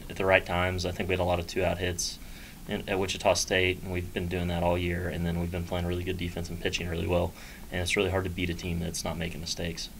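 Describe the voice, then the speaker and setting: A man's voice: low voice, monotone, fast talker, vocal fry, a bit bright, slight background noise, rough recording. A young man, a college baseball player, giving easygoing, brief answers at a postgame press conference. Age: young adult. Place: small press room in front of a sponsor backdrop.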